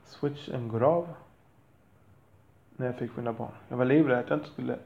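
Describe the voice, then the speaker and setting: A man's voice: mid-range voice, gravelly, reverberant, dull audio. A man talking frankly about being a father, in a blunt, profane and rambling way with self-deprecating asides. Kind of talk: candid monologue.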